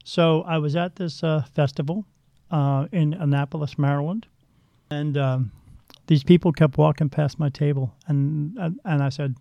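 A man's voice: fairly high pitch, fairly even intonation, moderate pace, vocal fry, warm tone, dry recording. A man working as a psychic medium, telling stories in a blunt, rambling way with frequent restarts during an interview. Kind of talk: casual storytelling interview. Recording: dull lo-fi dry sound.

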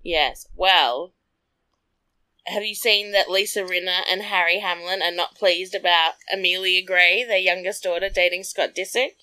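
A woman's voice: lowish voice, fairly even intonation, a little slow, sharp tone. A woman chatting casually about celebrity gossip, bluntly, with lots of "like" fillers.

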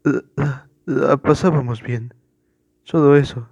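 A man voicing a terrified suspect under police questioning, stammering, pleading and breaking into frantic shouts. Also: mid-range voice, steady tone, slow pace, gravelly, dry recording, muffled recording. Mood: frightened.

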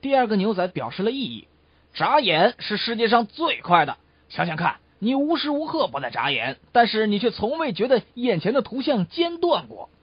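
A man's voice: high voice, moderate pace, husky, no room sound. A man telling jokes in a comic crosstalk routine, acting out each story with energy. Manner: animated, acts out the story. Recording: dull lo-fi recording, dry.

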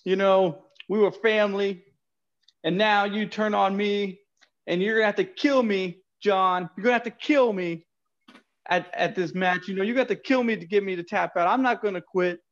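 A man voicing a brash male wrestler in a put-on New York accent, cutting a loud, blustering promo on a podcast recorded with dull, lo-fi sound. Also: sits high, normal speed, lightly acted.

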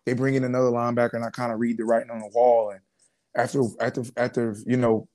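This man talks fast at a medium pitch, a former professional football player in his twenties telling his story during a casual interview. Lots of slang, fillers, and restarts mark his relaxed delivery.

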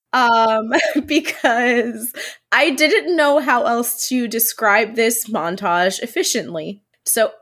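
This podcast co-host, a woman with a head-cold stuffy nose, draws her words out in a somewhat bright, higher-pitched voice. She keeps the talk about a TV episode casual and jokey, laughing often.

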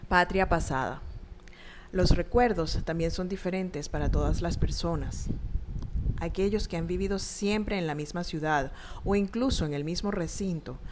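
A woman narrating a scripted, reflective text in a measured, thoughtful way. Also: lowish voice, background noise. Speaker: narrator reading her own reflective text.

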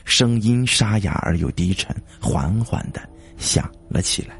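A man narrating a story in a slow, dramatic reading style. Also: low voice, animated, gravelly. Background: faint music.

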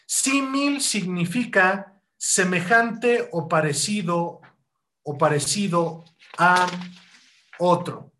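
A man with a high voice preaches a sermon, firing rhetorical questions at the congregation and addressing them as brothers. He moves between loud rising bursts and slow, deliberate stretches when he explains a point. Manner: rhetorical questions, keeps calling hearers "hermanos". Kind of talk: sermon teaching.

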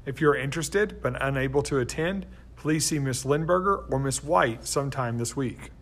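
A man reading out a school's morning announcements in an upbeat, clear, scripted way. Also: mid-range voice, moderate pace, a bit bright.

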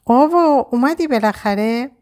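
A woman's voice: fairly high pitch, expressive, voice pushed up, lightly acted. A woman reading a story aloud, voicing a fierce young woman who defends her friend sharply. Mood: startled. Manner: sharp, defiant, pleading.

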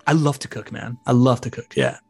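A man's voice: mid-range voice, fairly quick, darkish tone, husky, dry recording, faint music behind. A man in his thirties, a podcast guest, chatting casually and telling rambling stories with many restarts. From Venezuelan family, grew up outside Venezuela. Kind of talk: casual interview chat.

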